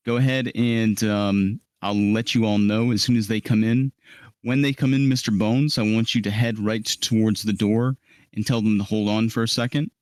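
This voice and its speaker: Calm, directive game master, low voice. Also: male voice, moderate pace, no echo. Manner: calm, directive, frequent ums. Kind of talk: briefing players for a live tabletop role-play. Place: live stream.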